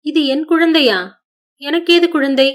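A distraught young mother in an audiobook story pleads in a lifted, higher voice, as a woman narrator puts her on. She sounds lost and bewildered, her words searching and insistent. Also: steady tone, unhurried.

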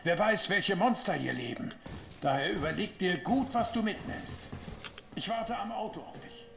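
An actor playing a stern older colonel in a video game, with a gravelly voice and commanding, clipped manner. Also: male voice, high voice, animated, moderate pace. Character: stern older military colonel leading his squad. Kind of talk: dramatic video game acting. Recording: roomy, with background noise.

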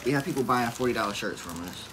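A young man speaks in a mid-range voice, earnest and a little repetitive as he makes his case in a home vlog. Clear background noise runs under his voice throughout. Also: medium pitch, fast talker, fairly bright tone, rough recording. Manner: earnest, repeats points with "you know". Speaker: family vlogger and small business owner. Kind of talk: casual home chat.

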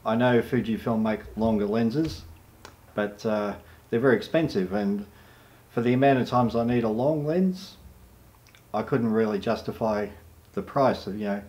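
A middle-aged Australian photojournalist talking casually to camera, relaxed and rambling, with frequent filler sounds. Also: male voice, lowish voice. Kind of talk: casual vlog talk to camera.

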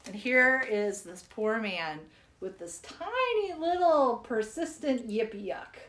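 A woman's voice: a little high, lively intonation, takes it slowly, a bit bright. A woman reading children's poems aloud in a playful, giggly way. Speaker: poetry reader.

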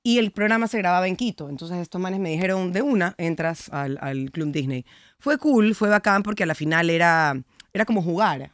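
A young woman with an Ecuadorian accent, chatting as a guest on a podcast and telling stories in a lively, slangy way. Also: on the low side, brisk, no echo, studio quality. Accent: Ecuadorian Spanish. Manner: lively, animated storytelling with slangy asides. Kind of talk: casual interview chat.

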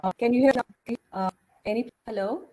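A woman giving an online lecture in a halting manner. Her voice keeps breaking up over an unstable video call, and she checks whether anyone can hear her. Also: fairly high pitch, dark tone, poor audio. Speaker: guest lecturer. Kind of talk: online webinar talk.

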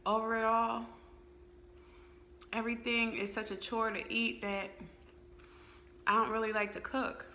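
A woman's voice: fairly low pitch, sharp tone, reverberant, a little hiss or hum. A woman giving a candid update vlog, hesitant with many fillers and eating while she talks. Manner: eating and chewing while talking. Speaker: vlogger.

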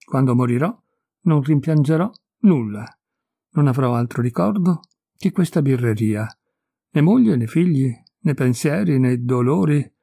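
A man voicing a listless, resigned idler of thirty-three who looks old, speaking in a flat, unhurried way. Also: medium pitch, creaky, breathy edge, no room sound, studio quality, full character voice. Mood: weary.

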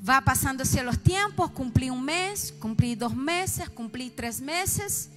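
A middle-aged woman pastor with a Chilean accent, giving an emotional sermon testimony that swings from soft confiding to loud outbursts. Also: high voice, expressive, takes it slowly, soft background music.

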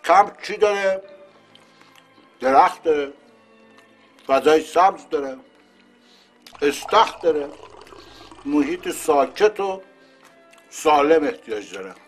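A smooth-talking middle-aged man, persuasive and explaining his plan. in a fairly high voice, with faint music behind him. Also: animated, long pauses.

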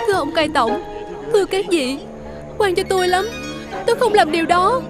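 A falsely accused young monk, acted by a woman in a folk tale film, pleading gently for mercy. The voice is very high and soft-spoken. Music plays clearly in the background. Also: expressive, moderate pace. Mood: protesting. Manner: pleading, protesting innocence.

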